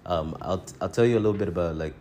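A man's voice: low voice, racing, dark tone, a little hiss or hum. A man from Tanzania co-hosting a casual podcast over a phone, rambling, restarting his sentences and chuckling between thoughts. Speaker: podcast co-host.

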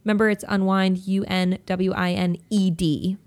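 A woman's voice: mid-range voice, little pitch movement, normal speed, a little mellow. Young woman cohost, playful and upbeat, casual podcast chat. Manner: playful and upbeat, reads listener messages aloud while laughing. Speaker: podcast co-host.

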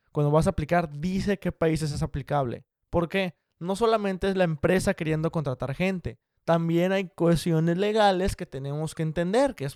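Young man, direct advice to the viewer, slightly high voice, dry close sound. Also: a little mellow, no room sound. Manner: direct, brisk and encouraging, addresses the viewer as "you". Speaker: career advice vlogger. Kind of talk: casual explanatory talk to viewers.

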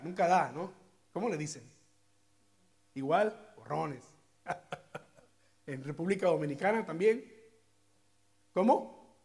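Mexican pastor with a high, dynamic voice. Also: male voice. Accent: Mexican Spanish. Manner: dynamic, swings from hushed to loud exclamations. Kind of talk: sermon with closing prayer. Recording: faint music behind.

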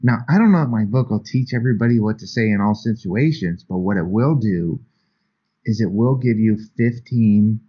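A man's voice: on the low side, normal speed, slightly rough. A man telling earnest stories as an author guest in an interview, with frequent restarts. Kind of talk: storytelling in an interview. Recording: dull lo-fi sound.

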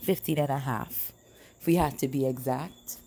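With a bass, husky, mellow voice and vocal fry, a woman from Trinidad in her late thirties tells stories on her livestream at a moderate pace. She talks casually and familiarly, often turning to her viewers, while music plays behind her.

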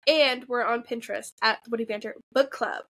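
A woman's voice: fairly high pitch, fairly even intonation, a little fast, sharp tone. A young adult woman with a nasal voice, co-hosting a book podcast in a casual, filler-heavy chat. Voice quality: nasal this episode. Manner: chatty, filler-heavy, lots of likes and ums. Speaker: podcast co-host.

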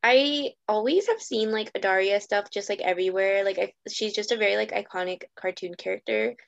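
A woman's voice: medium pitch, fairly quick, gravelly, no room sound. A young woman co-hosting a podcast in casual chat, rambling with many fillers. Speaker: podcast co-host. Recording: dull lo-fi sound.

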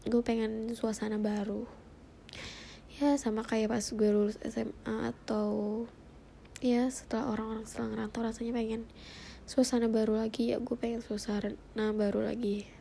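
A woman in her twenties with a blocked-nose voice, talking casually and reflectively in informal slang with hesitant pauses. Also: fairly high pitch, flat delivery, creaky, dark tone, a little hiss or hum. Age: 20s. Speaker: personal podcaster.

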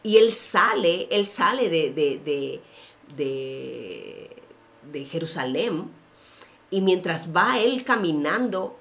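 A woman, a pastor co-hosting a casual faith chat, telling stories with slangy asides. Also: lowish voice. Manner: animated storytelling with slangy asides. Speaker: podcast co-host, pastor.

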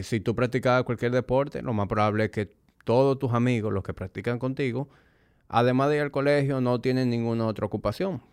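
A man's voice: lowish voice, a little mellow, clear, resonant tone, no echo, clean studio sound. A man hosting a podcast as a fitness trainer, talking conversationally and explaining things directly to the listener. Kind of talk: conversational solo podcast monologue.

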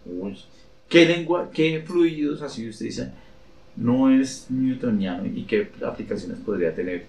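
A man hosting a casual chat, joking and excitable, asking long rambling questions. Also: mid-range voice, unhurried. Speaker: podcast host. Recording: echoey room, faint ambient noise.

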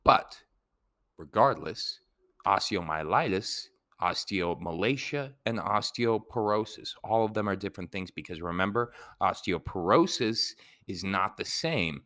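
A man's voice: sits low, unhurried, dry recording, clean studio sound. A man giving a casual, rambling explainer lesson, drifting into side tangents. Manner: rambling, digressive, relaxed. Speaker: educator.

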